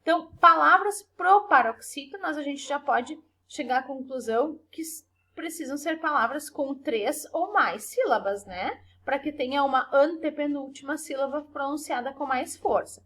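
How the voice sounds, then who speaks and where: A primary school teacher records a remote class for children in a high, clear voice, explaining patiently and stretching example words to stress their syllables. She wraps up points with short tag questions, and her gentle, methodical delivery is animated, moderately paced, and has few pauses.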